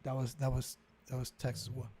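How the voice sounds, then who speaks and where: A man with a mellow, dark voice talking in a halting, stammering way. He explains things patiently and at length during a relaxed chat among friends. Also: mid-range voice, husky. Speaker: podcast co-host. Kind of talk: casual watch-party chat.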